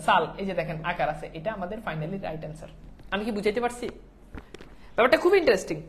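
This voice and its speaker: Repetitive lecturing woman teacher. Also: fairly high pitch. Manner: repeats key answers, asks the class if it is clear. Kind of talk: recorded grammar lecture.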